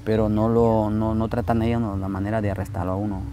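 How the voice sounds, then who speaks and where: A middle-aged man from El Salvador with a Salvadoran Spanish accent, speaking outdoors in a halting, plainspoken way with many fillers and restarts. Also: on the low side, little pitch movement, warm tone, a little hiss or hum. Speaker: migrant worker. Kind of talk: documentary interview testimony. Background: music.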